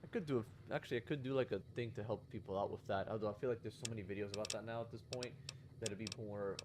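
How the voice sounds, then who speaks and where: A man's voice: lowish voice, rapid-fire. Rambling male game streamer, noisy audio. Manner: rambling, self-correcting, sarcastic asides. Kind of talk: casual gameplay commentary.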